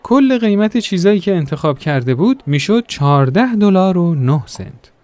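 A man reading a first-person story aloud in a gentle, reflective way. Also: high-pitched, sing-song, no echo. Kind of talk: scripted narration of a story. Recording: soft music behind the voice.

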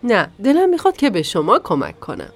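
A man's voice: high-pitched, wildly swooping pitch, pitched above the performer's own voice, exaggerated voice. A man voicing a kind, helpful female shop assistant in a narrated story. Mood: eager. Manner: eager, helpful.

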